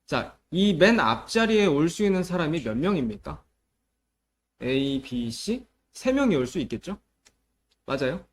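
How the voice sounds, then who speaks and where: A man's voice: on the high side, very animated, unhurried. A man teaching a middle school math lesson, explaining step by step and often checking that students follow, moving between polite and casual speech. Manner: explains step by step and checks understanding with repeated questions.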